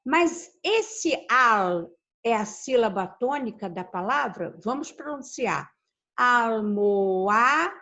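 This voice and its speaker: Slow, deliberate woman teaching Spanish. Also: on the high side, animated, sharp tone. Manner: slow, deliberate, spells out letters and repeats words; asks the class questions, then answers them. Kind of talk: recorded online class. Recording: dull lo-fi recording.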